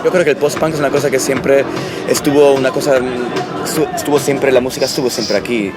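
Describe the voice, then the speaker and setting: A man born in Italy, a musician answering interview questions in a halting, thoughtful way with many restarts. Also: mid-range voice, fairly even intonation, a loud crowd. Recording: loud music behind. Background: loud music.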